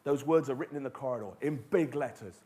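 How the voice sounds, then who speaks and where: A man's voice: mid-range voice, fast talker, dark tone. A middle-aged man giving an emphatic keynote talk, telling stories and asking rhetorical questions. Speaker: motivational speaker. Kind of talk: keynote speech.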